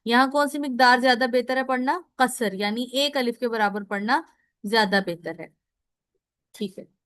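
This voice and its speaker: A woman's voice: on the high side, moderate pace, a bit bright, dry recording, studio quality. A woman teaching a recorded lesson on Quran recitation. She explains step by step, asks questions and answers them herself, and often checks in with listeners. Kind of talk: recorded lecture.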